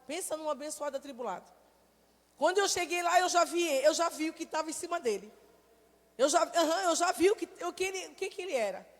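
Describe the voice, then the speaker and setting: A middle-aged woman from Brazil preaches in a church hall with a very high, piercing voice. She moves from storytelling into fervent, shouted prayer. A long reverb trails her words through the hall. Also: lively intonation, fairly quick. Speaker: missionary preacher. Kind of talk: sermon with testimony.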